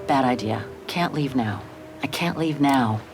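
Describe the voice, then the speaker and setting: A woman's voice: a bass voice, a little slow, music in the background. An actress playing a weary, wry adventurous woman in a naturalistic video game style, often muttering to herself. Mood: firm, reluctant.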